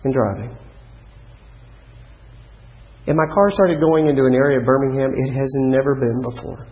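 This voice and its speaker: A middle-aged man delivers a storytelling sermon in an everyday mid-range voice. He narrates with animation, then sinks low and quiet for emphasis. The recording is muffled and lo-fi, as on an old church tape. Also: quick pace. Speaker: preacher.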